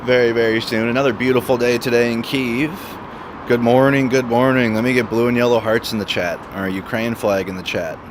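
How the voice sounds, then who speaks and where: A man with a mid-range voice talks fairly quickly and with fairly even intonation as he hosts a relaxed live stream. He repeats words and phrases for emphasis, and the recording picks up a noisy outdoor street with traffic.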